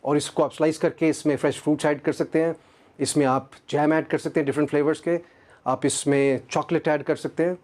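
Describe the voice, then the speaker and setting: A man, an English teacher giving a pronunciation lesson, repeating each word slowly and carefully. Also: on the high side, steady tone, a little mellow. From Pakistan. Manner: repeats words slowly and deliberately.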